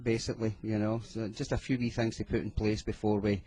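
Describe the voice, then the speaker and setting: Scottish man, radio guest, husky, hesitant, rambling, casual chat. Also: fairly low pitch, level tone, fairly quick, warm tone. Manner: rambling, hesitant, with many fillers and restarts. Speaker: music producer guest. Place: radio studio.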